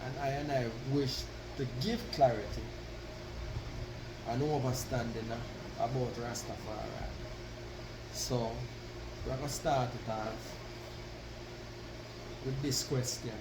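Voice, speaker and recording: A man using Rasta speech, deliberately proclaiming a devotional address to followers with pauses and emphatic declarations. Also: medium pitch, steady tone. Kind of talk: devotional address with reading of own written piece. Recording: roomy, distant mic, constant background noise.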